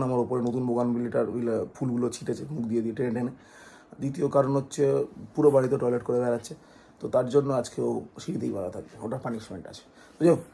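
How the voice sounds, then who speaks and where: A Bengali man talks quickly to his phone camera as a casual vlogger. His hoarse voice has a gravelly, creaky edge. Faint ambient noise sits behind him. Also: mid-range voice, dark tone. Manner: chatty, scolding his dog and child in a raised voice. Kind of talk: casual vlog chat. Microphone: phone held by hand.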